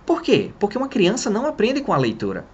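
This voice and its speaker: A man's voice: high-pitched, wildly swooping pitch, fast, darkish tone, slightly rough, lo-fi sound. A man with a Brazilian accent, an English teacher who teaches through rhetorical questions in an online lesson. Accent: Brazilian Portuguese.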